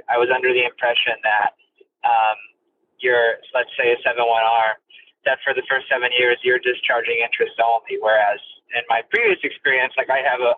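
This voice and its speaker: A man calling in from his car on a speakerphone while driving, asking questions with many halting restarts. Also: medium pitch. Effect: car speakerphone call while driving. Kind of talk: casual question to a host. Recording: tinny phone-line call with faint noise.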